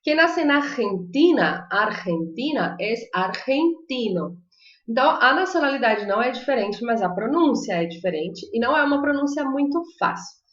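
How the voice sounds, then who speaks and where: A Portuguese-speaking woman teaching a live online Spanish lesson, chatty and encouraging, slowly modeling pronunciations. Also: fairly high pitch, expressive, fairly bright tone. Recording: echoey room, slightly dull sound.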